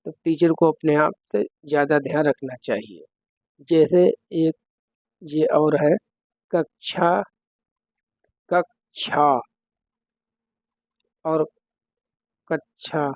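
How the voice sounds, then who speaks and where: A man's voice: on the high side, fairly even intonation, measured pace, darkish tone, no room sound, poor audio. A man teaching an exam-prep lesson, working through quiz questions step by step and putting questions to the listener.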